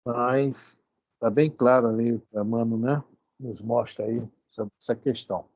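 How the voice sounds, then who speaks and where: A man's voice: medium pitch, fairly even intonation, a little slow, darkish tone, dry recording, lo-fi sound. A man with a Brazilian Portuguese accent leading a religious study group, commenting casually and rambling a little between thoughts. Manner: conversational, rambling with fillers.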